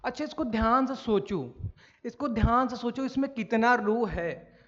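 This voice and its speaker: A man's voice: very high voice, measured pace, fairly bright tone. A man teaching a maths lesson, asking and answering his own questions and often repeating key points. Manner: calls students "sir", "bhai". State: coughing now and then. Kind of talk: classroom lecture. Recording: dull lo-fi recording.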